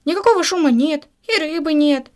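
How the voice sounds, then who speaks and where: A woman's voice: high voice, brisk, a little mellow, voice pushed up, lightly acted. A woman voicing an eager young boy in a storybook who keeps pestering with wheedling, insistent requests. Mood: whiny.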